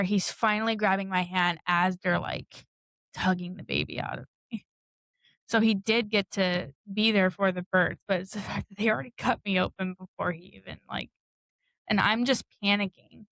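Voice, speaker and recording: A woman's voice: medium pitch, fairly bright tone, dry recording, poor audio. A woman co-hosting a podcast, telling a personal story in a candid, blunt way, swearing and laughing often. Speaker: podcast co-host. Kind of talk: casual storytelling.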